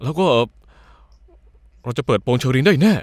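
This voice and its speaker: A man's voice: medium pitch, expressive, fairly quick, darkish tone, no room sound, studio quality, close to an everyday voice. A man dubbing a young husband in a drama series, pressing with needling, insistent questions. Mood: prying. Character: pushy, teasing young husband. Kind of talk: dubbed series dialogue.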